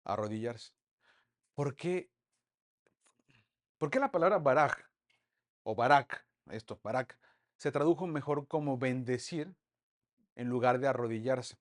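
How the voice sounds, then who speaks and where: A man teaching an online Bible study lesson, lively and full of rhetorical questions to the group. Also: medium pitch, a little slow, long pauses.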